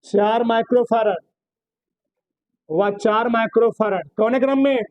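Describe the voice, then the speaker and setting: High-voiced teacher quizzing his class. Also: a little slow, no room sound, lo-fi sound. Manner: drills students with repeated questions, scolds lightly. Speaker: physics teacher. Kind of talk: classroom lesson solving problems on a board.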